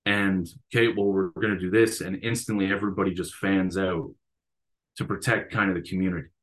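A coach and teacher talks through his experiences in an easygoing interview. He has a very deep, low-pitched voice and speaks reflectively. His thoughts unfold like stories told to a friend. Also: fairly even intonation, a little fast, fairly bright tone. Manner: reflective, storytelling. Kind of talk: casual interview conversation.

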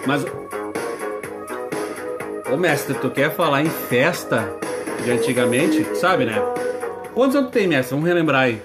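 A man's voice: medium pitch, lively intonation, a little slow, pauses often. A man in his thirties with a southern Brazilian accent, chatting casually and telling stories as a radio co-host, often repeating his phrases in a bantering way. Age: 30s. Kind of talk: casual chat and storytelling. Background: music.

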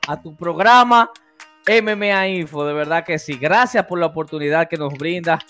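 A man hosting an interview show, excitable and full of restarts and repeated phrases. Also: fairly high pitch, normal speed, faint music behind. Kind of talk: casual interview.

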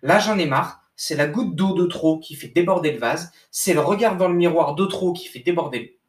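A young sports coach with a slightly high voice gives a casual motivational talk at a moderate pace, seated at a desk indoors. He's informal, full of slang and repetitive restarts, calling the listener bro. The room echoes and the mic sits at a distance.

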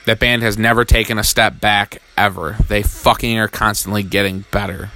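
Male, thirties, hyped concert fan, lower voice but bright and forceful, swearing, tumbling restarts. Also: fairly even intonation. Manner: fast, profane, rambling with restarts. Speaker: music fan recapping concerts. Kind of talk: excited casual rant.

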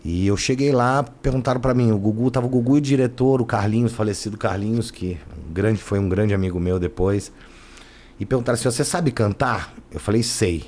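A man's voice: fairly low pitch, fast, a little mellow, a little hiss or hum. A man, a guest telling his life story in casual, slangy talk that leans on "né" and "cara". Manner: slangy, keeps adding "né" and "cara". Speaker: interview guest.

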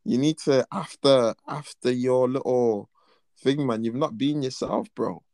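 A man's voice: mid-range voice, unhurried, creaky, a little mellow, no echo. A young man with a London roadman accent, chatting casually in teasing, slang-heavy banter. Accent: London, urban roadman slang style. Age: young adult.

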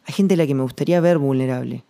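Mellow rambling Rioplatense man. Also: medium pitch, creaky. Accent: Rioplatense Spanish. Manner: rambling, slangy, thinking aloud with pauses. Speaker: podcast host. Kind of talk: reflective solo monologue.

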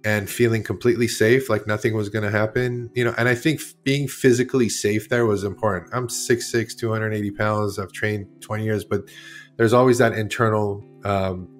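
A man in his forties, originally from Iran, speaks as a guest artist in a casual interview, rambling candidly and correcting himself as he goes. His voice is on the low side with fairly even intonation and a moderate pace, and faint music plays behind him.

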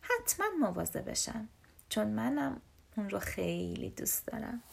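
A woman's voice: mid-range voice, very animated, creaky, slightly rough, full character voice. A woman voicing a small, eager, sensitive little bear cub in a storybook reading.

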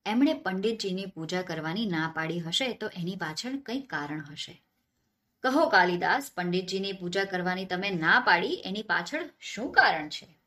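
A woman's voice: lowish voice, lively intonation, moderate pace, pushed and bright. A woman voicing a gracious, humble king who speaks politely and courteously in a storybook tale.

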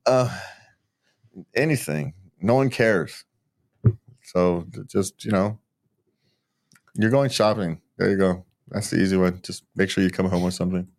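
Older guy cohosting, low voice, easygoing, laughs a lot. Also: a little slow, pauses often. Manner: relaxed, joking, laughs often. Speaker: podcast co-host. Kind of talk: casual chat.

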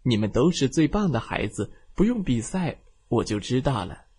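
A man's voice: medium pitch, very animated, moderate pace, breathy edge. A man voicing a kind, hardworking small forklift who looks after the young vehicles like a patient father, in a bedtime storybook. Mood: gentle. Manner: gentle and patient.

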